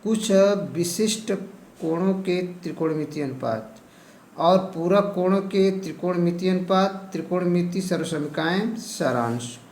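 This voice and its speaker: Working through a syllabus lesson topic by topic, this teacher keeps repeating "ठीक है" in an eastern Uttar Pradesh Hindi accent. He speaks a little slowly in a high voice with a darkish tone, captured in a low-quality recording with a roomy sound.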